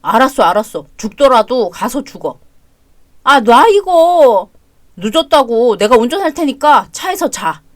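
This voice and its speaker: A woman's voice: a little high, animated, moderate pace, hardly any pauses, no echo, clean studio sound, natural voice. A woman voicing a selfish, lazy young husband in an audio drama story, talking in a dismissive, whiny way. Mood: impatient.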